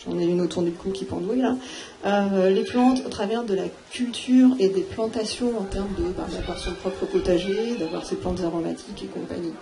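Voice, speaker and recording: A woman speaking on a live round-table panel, thinking aloud with many pauses and fillers. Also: medium pitch, dark tone. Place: theatre hall. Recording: noisy live room recording.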